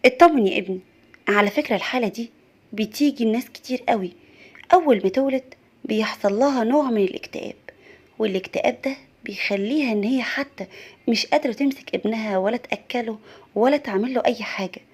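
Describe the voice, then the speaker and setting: Calm male Egyptian psychiatrist, soft and reassuring, voiced by a woman. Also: a little high, fast, slightly rough. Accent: Egyptian Arabic.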